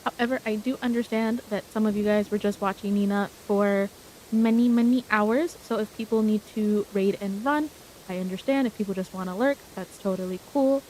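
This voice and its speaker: A woman livestreamer chatting casually as she plays, with a cute, bubbly, animated anime-streamer delivery. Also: medium pitch, normal speed, poor audio. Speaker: streamer hosting a game livestream. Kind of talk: casual livestream chat while playing puzzle games. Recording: clear hiss of steady background noise.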